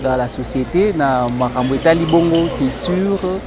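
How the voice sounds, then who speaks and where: A man's voice: on the high side, normal speed, crowd noise. A Congolese man being interviewed as a guest, explaining in French with some Lingala phrases and frequent hesitations. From Democratic Republic of the Congo.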